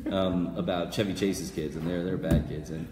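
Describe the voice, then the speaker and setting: A man in his thirties, a rabbi teaching a weekly class, animated and gesturing, bursting into loud acted voices. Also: sits low, normal speed, noisy background. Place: small room before a banner backdrop, live class. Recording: echoey room with long reverb.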